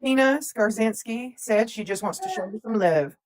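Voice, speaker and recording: A woman's voice: fairly high pitch, expressive, moderate pace. A woman, chatting casually as a livestream co-host and reading out where viewers are from. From Tennessee, USA. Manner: chatty, reads out viewer comments.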